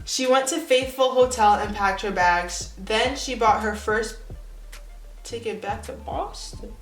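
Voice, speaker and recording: A woman's voice: fairly high pitch, a little slow, a bit bright, echoey room, soft background music, low-quality recording. A woman of nineteen reading her old story aloud and breaking off for sarcastic, self-mocking comments. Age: young adult. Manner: sarcastic, self-mocking asides between read passages.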